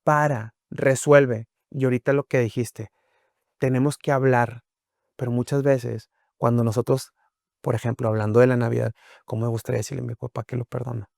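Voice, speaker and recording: A man's voice: mid-range voice, level tone, fairly quick, gravelly, mellow, no room sound, clean studio sound. A man, a guest on a talk show, explaining his views with acted-out examples and rhetorical questions. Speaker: guest speaker on emotions and health.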